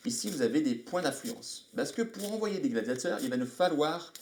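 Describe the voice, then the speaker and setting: A man's voice: on the high side, animated, normal speed, darkish tone, a little hiss or hum. Chatty man explaining game rules. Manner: chatty, thinks aloud, greets viewers mid-explanation. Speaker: live-stream host. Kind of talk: casual board game rules explanation on a live stream. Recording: echoey room.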